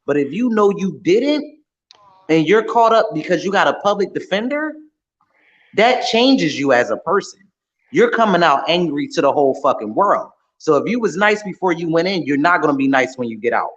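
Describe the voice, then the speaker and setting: Man, outspoken, swears freely, lively up-and-down voice, muffled sound. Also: a little high, normal speed. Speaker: podcast guest or co-host. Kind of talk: casual chat.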